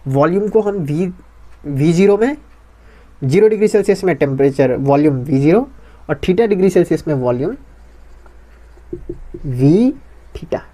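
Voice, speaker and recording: A man's voice: a little high, expressive, moderate pace, pauses often, dark tone. A man teaching a physics lecture, who keeps asking questions and answering them himself and repeats key phrases.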